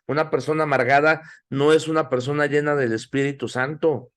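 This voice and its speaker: A middle-aged man teaching a Bible class in sermon style, exhorting listeners and asking them questions. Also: a little high. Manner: exhorting, asks the audience questions.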